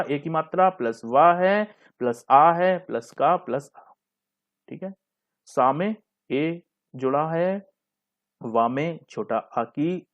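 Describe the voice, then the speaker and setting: Man, teacher, grammar lesson, rather high voice, asks questions and answers them, repeats terms, dull lo-fi sound. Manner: explains step by step, often asking questions and answering them himself.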